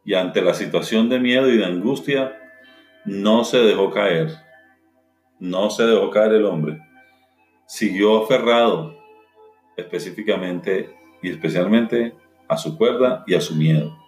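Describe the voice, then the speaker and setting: A man's voice: lowish voice, unhurried. A man telling a dramatic story with a moral and then urging listeners to act on it. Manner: dramatic, exhorting. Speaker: motivational speaker. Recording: roomy with faint music.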